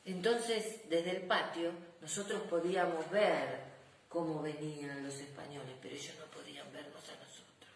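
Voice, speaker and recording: Woman playing a proud, fond old grandpa general recounting battles for a children's storybook, animated and deliberate, in an echoey room. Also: on the low side. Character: proud, affectionate old grandfather general telling war memories.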